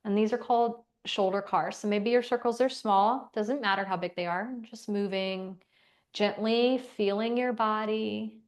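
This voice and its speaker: A woman instructor leading an online class through gentle movement and breathing, with soft, calm cues. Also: mid-range voice, a little slow. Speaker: exercise instructor.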